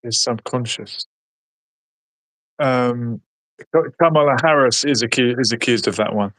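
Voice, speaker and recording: London man, casual chat, hesitant with ums, mid pitch, dry close sound. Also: unhurried, a bit bright, dry recording. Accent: London English. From West London. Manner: rambling, hesitant, many ums and restarts.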